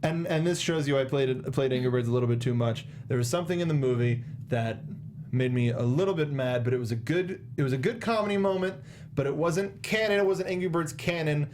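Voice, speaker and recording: Speaking fairly quickly in a slightly high, slightly mellow voice, this young adult co-hosts a relaxed film review show, full of playful sarcasm and mock drama. He sits close to a foam-windscreened desk mic in a small indoor studio, wearing a headset for monitoring, and there's a little hiss or hum on the recording.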